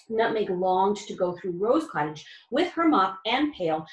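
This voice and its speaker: A woman reading a children's chapter book aloud, stopping now and then to explain words in simple terms. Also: fairly high pitch. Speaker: reader. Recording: roomy echo.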